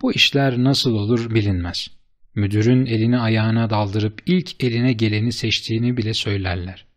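A man narrating a story in the first person, in a steady, measured reading voice. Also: fairly low pitch. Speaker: audiobook narrator.

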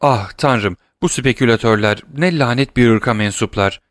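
Kibirli, küçümseyen soylu barones; bir erkek okuyucu canlandırıyor, yükseltilmiş sivri ses, kuru kayıt. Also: male voice, moderate pace, no echo, studio quality, close to an everyday voice. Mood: indignant. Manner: raised pitch, sharp and indignant. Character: haughty scornful aristocratic baroness, woman.

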